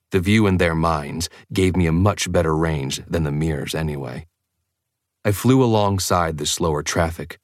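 Deep-voiced man narrating an audiobook. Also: dry recording, studio quality. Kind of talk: scripted first-person narration.

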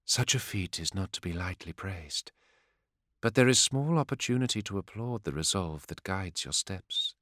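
A man voicing a serene, regal divine queen in a soft, measured, stately way. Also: sits low, expressive, no room sound, studio quality.

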